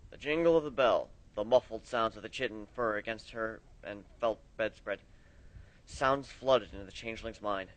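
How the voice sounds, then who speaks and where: A man reading fan fiction aloud, expressive, his loudness rising and falling with the story. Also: lowish voice, normal speed, low-quality recording.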